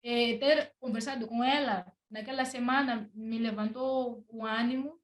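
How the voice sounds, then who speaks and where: A woman's voice: a little high, fairly even intonation, normal speed. Hesitant Mozambican woman, echoey room. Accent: Mozambican Portuguese. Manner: hesitant, repeats words, soft laughs. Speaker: podcast guest. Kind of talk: personal testimony in casual talk.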